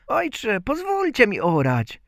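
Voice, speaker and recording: Squeaky tiny little boy voice, cheeky and pert, storybook kid, dry and close. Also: huge pitch swings, slow pace, gravelly, fairly bright tone, no echo, exaggerated voice. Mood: pert, eager. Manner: shrill and pert. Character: tiny cheeky peasant boy born from a pot.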